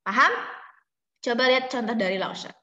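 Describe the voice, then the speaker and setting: Woman teacher on a video call, high bright voice, patient, repeats examples, roomy echo. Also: dull audio. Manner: explains slowly, repeats examples, checks understanding. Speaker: Mandarin teacher. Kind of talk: online class lesson. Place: home room on a video call. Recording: echoey room with long reverb.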